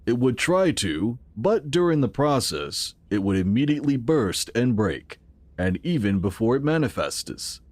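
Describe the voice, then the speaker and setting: In a sci-fi audio drama, a male actor voices the earnest, calm founder of a futuristic city, explaining matters in a measured, formal tone. His voice is mid-range with no echo, and the mood is patient and explanatory.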